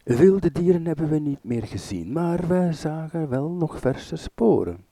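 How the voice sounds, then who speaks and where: A man voicing a group of obedient, lying royal servants in a higher, slower voice. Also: very animated, creaky, warm tone, no echo, exaggerated voice.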